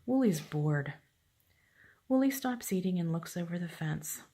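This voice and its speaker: An older woman reading a picture book to her grandchild at home, talking quietly and half-whispering. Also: on the low side, animated, measured pace, slightly rough. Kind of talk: hushed storybook reading.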